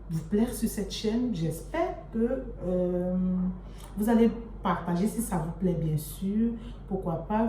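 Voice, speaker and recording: In a relaxed talk to camera, a young adult woman presents her channel, addressing viewers fondly and familiarly. Her voice is warm and on the low side, captured by a distant mic with room echo and faint noise.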